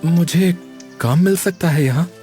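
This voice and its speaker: Man doing a high-voiced timid young cartoon man, dark mellow tone, faint music. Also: measured pace, natural voice. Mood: pleading. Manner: pleading, soft-spoken. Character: gentle, timid young man, devoted to adoptive mother.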